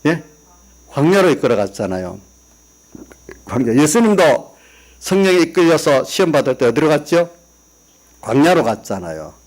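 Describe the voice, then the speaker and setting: A pastor with a fairly high, sing-song and slightly mellow voice preaches in a church sanctuary at normal speed, pausing often. In an easygoing, conversational way, he asks the congregation questions and tells personal family stories, quoting his relatives.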